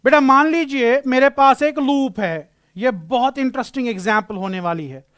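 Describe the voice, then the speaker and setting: Man, physics teacher, very high voice, dry close sound, patient lecture. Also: moderate pace, fairly bright tone, clean tone, no room sound. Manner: explains patiently, calls students beta, repeats key phrases. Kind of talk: classroom lecture.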